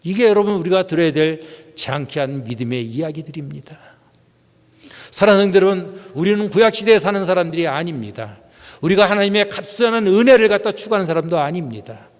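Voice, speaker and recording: A man's voice: sits high, lively intonation, brisk, long reverb tail. A middle-aged male pastor preaching a Sunday sermon in a conversational way, putting questions to the congregation. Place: church sanctuary.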